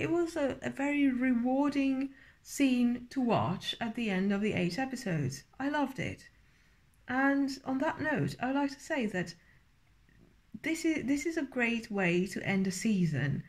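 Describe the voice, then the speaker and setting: Female vlog reviewer, slightly high voice, tipsy, loose rambling delivery, hesitant phrasing. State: tipsy from drinking. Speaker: video reviewer. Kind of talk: casual, rambling episode review.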